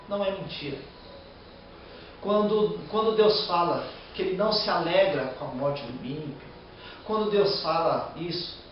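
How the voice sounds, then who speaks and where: A man's voice: on the high side, muffled recording, a little hiss or hum. Brazilian male preacher, fervent sermon delivery, distant mic, heavy hall echo. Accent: Brazilian Portuguese. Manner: reads scripture then preaches with emotional outbursts.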